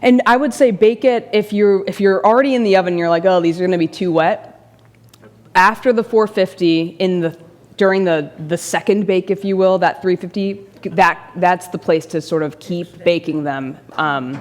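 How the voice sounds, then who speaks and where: A woman's voice: fairly low pitch, fairly even intonation, normal speed. Woman demonstrating baking in a reverberant room. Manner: friendly, answers questions by name, laughs easily. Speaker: presenter demonstrating baking at a church forum. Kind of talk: casual demonstration with audience Q&A. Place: church forum room with audience.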